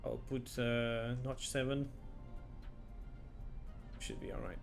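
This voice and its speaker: A man's voice: medium pitch, level tone, takes it slowly, vocal fry, faint music behind. A man streaming a game live, chatting casually and reacting aloud as he plays and reads chat.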